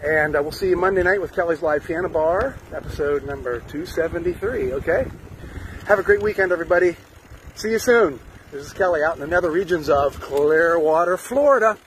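This casual vlog update comes from an older man, a musician, recording himself on a handheld phone held close as he bikes along a sunny street, upbeat and heavy on fillers. His pitch is fairly high and his pace a little fast. Faint outdoor wind comes through on the low-quality recording.

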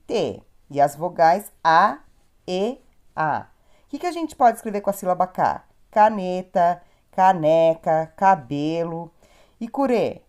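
Teacher lady talking to little kids, slow sounding out of syllables, low-ish mellow voice. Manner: slow syllable-by-syllable enunciation, encouraging. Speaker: primary school teacher. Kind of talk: recorded lesson for young children.

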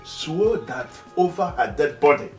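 A lovesick Nigerian suitor who pleads anxiously for the woman he wants to marry. His voice sits a little high for a man. It comes from some distance in an echoey room. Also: big pitch swings, measured pace, highs cut off, faint music behind. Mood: fretful. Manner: pleading and fretful. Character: lovesick young man desperate to wed. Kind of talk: Nollywood film acting.

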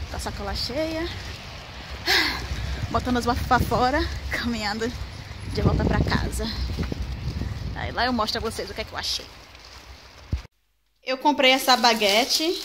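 A young adult woman from Salvador, speaking with a Bahian Brazilian Portuguese accent, chats casually to a handheld camera held at arm's length, vlogging at home and on city streets. Her voice leans high. The recording is noisy, with ambient sound picked up by the camera.

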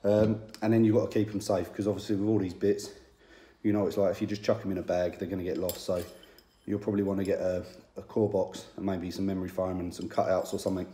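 A man's voice: low-pitched, level tone, quick pace, mellow, reverberant. A man in his thirties, a tradesman, giving a casual, plain-spoken review to camera with many ums, recorded on a phone in a small indoor room.

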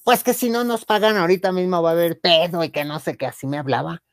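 A man with a Mexican accent telling a comic anecdote in a campy, theatrical way, acting out the women he quotes in a higher voice and laughing often. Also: fast talker, no room sound, clean studio sound. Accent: Mexican Spanish. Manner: laughs often mid-story. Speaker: storyteller on a chat show.

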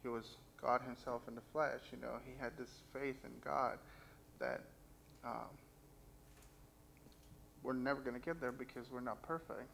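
This young preacher has a medium-pitched, steady, creaky voice with a fairly bright tone, speaking at a moderate pace with long pauses. Standing at the pulpit of a church sanctuary, he gives earnest testimony and reads scripture aloud. Captured by a stand mic and a distant camera, the poor-quality audio has slight background noise.

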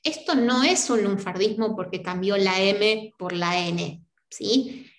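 A woman's voice: medium pitch, takes it slowly, reverberant. An Argentine woman teaching a university class, explaining step by step and often checking in with her students. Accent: Argentine Spanish. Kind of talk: online lecture.

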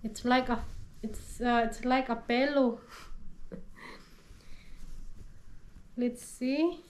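Stuffed up with a cold, a thirtysomething woman raves about her latest purchases while unboxing them in her living room, casual haul style. She speaks in a slightly high, steady voice, stretching out her words over the sound of rustling packaging.

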